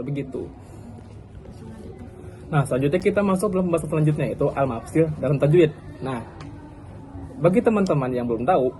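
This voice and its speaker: A young man with a fairly high voice talks through a class presentation in a loose, chatty way. He pauses with fillers and restarts his sentences often. A faint hiss of noise sits behind him. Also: a little mellow, low-quality recording. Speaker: student presenter.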